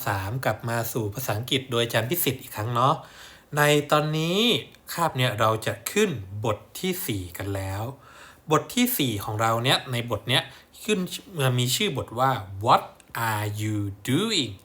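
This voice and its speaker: A man's voice: medium pitch, expressive, moderate pace, fairly bright tone. A man teaching primary-school English in a recorded lesson, repeating words for pupils to copy. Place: at a whiteboard or screen.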